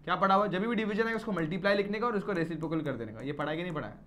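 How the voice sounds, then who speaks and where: A man's voice: sits high, rapid-fire, fairly bright tone. A male maths teacher explaining problems step by step in a classroom lecture, often putting questions to his students.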